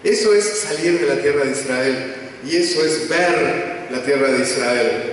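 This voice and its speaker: A man, a rabbi giving a measured, explanatory lecture in a large temple. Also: on the high side, slight background noise. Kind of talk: synagogue lecture. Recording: echoey hall from far off.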